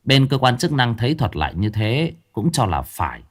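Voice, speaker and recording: A man's voice: medium pitch, very animated, moderate pace. A man narrating a ghost story aloud in a dramatic storytelling manner.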